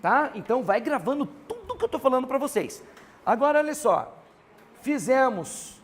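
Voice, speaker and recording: A man with a Brazilian Portuguese accent teaching a grammar class, animated and constantly prompting his students to answer. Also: very high voice, normal speed.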